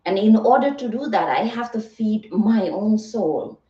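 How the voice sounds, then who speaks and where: An unhurried, expressive woman at medium pitch gives a soothing live motivational talk as a livestream host. She's earnest and reflective, sprinkling in rhetorical check-ins such as "right?" and "okay." Echo fills the room, and the distant mic leaves things slightly muffled.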